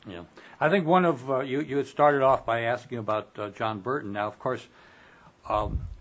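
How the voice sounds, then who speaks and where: A man giving an oral history interview, explaining things in a measured way. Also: mid-range voice. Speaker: interview guest.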